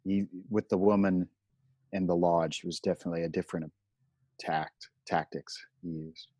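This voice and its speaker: A man co-hosting a casual podcast discussion, halting as he searches for his words. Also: low voice, fairly even intonation, darkish tone, dry recording, studio quality. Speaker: podcast co-host.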